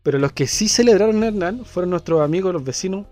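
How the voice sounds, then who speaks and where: A man's voice: high voice, lively intonation, fast talker, darkish tone, no echo, soft background music. A man with a Chilean accent, co-hosting a casual radio chat and talking with many fillers and restarts. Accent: Chilean Spanish. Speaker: co-host.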